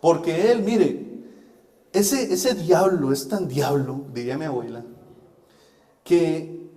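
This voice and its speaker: Folksy Costa Rican preacher in echoey hall. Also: male voice, on the high side, slow, dark tone. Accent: Costa Rican Spanish. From Costa Rica. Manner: folksy storyteller, laughs at himself. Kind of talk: sermon with personal testimony. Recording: echoey hall with long reverb.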